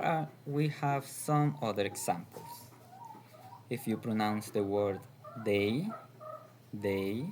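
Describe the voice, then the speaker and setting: A man's voice: medium pitch, a little hiss or hum. A man teaching English diphthongs, saying each example word twice with careful emphasis. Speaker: pronunciation teacher. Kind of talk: slow, deliberate lesson.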